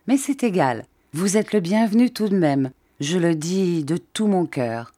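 A woman's voice: on the low side, animated, a little slow, mellow. A woman voicing a cheerful, cordial old fisherman who talks with open enthusiasm. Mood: hearty.

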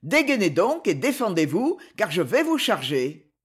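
A reader voicing a proud, fierce male knight with a raspy voice, speaking gravely and vehemently. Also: medium pitch, sing-song, unhurried. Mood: stern. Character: proud adventurer knight, fierce and wounded in honor.

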